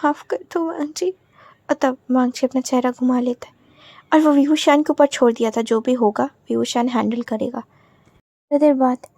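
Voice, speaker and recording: A woman narrating her own romance story, halting and restarting often. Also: high-pitched, steady tone, dark tone, dry recording, clean studio sound.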